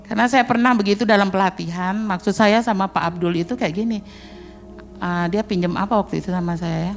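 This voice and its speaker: A woman's voice: medium pitch, steady tone, faint music behind. Chatty middle-aged woman preaching. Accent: Indonesian. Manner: chatty and joking, acting out quick asides. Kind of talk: sermon. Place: church hall.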